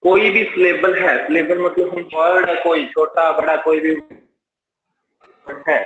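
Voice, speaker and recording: Slow, questioning Indian teacher in a roomy class. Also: male voice, a little high, steady tone, a bit bright. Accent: Indian English. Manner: explains step by step, asking and answering his own questions. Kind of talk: live online exam-prep class. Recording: roomy, slightly dull live-class audio.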